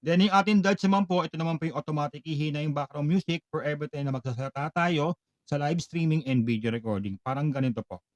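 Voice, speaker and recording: A man giving a product walkthrough tutorial, polite and explanatory, pausing now and then on fillers. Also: a little high, muffled recording. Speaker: product demonstrator.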